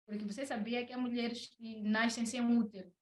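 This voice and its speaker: Her voice is on the high side, fairly quick and flat in delivery. She's a young woman with a Mozambican Portuguese accent giving a personal testimony as a podcast guest, in casual talk full of hesitations and repeated words. The room is echoey.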